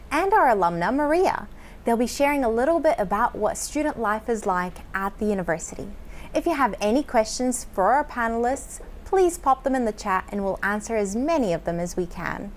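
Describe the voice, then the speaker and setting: A woman who works as an international manager at a university, hosting a livestreamed student panel with a clear, friendly manner. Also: fairly high pitch, very animated, normal speed, slight background noise.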